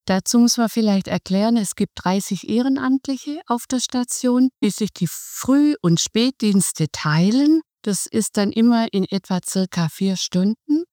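A middle-aged hospice volunteer, appearing as a podcast guest, explains things calmly and step by step. Her voice is mellow, warm, and fairly high, captured close and dry with no room sound.

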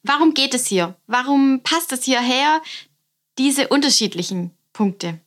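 A woman hosting a podcast interview, asking questions in a calm, measured way. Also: high voice. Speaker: podcast host and education officer at a hospice academy.

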